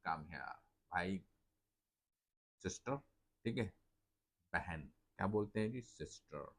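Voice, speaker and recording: A man with a very low voice teaches English words to Hindi-Urdu speakers. He poses each question and answers it himself. He keeps tagging his lines with polite "जी" and "ठीक है". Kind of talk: Hindi-Urdu vocabulary lesson.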